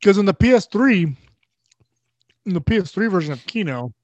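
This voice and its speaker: A man's voice: high voice, very animated, normal speed, a little mellow, no echo, dull audio. A young man in casual chat about video games, rambling loosely and swearing often.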